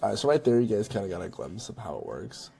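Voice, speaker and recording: A very animated man gives a casual software tutorial over a screen recording, talking fast and conversationally with frequent "right?" and "you know." His voice is fairly low, gravelly yet mellow. There's a little hiss or hum in the audio.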